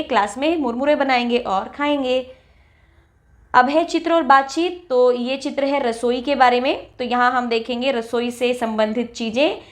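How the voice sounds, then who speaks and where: A woman teacher walking young children through a textbook lesson, reading each example word slowly and clearly. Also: fairly high pitch. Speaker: primary school teacher.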